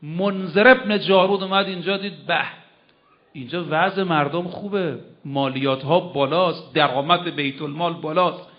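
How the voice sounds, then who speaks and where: A man preaching a religious sermon to a gathering, emphatic, slowing down for quoted verses and swinging his voice up and down for effect. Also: fairly high pitch. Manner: emphatic, slows for quoted verses, rises and drops sharply. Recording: dull lo-fi recording.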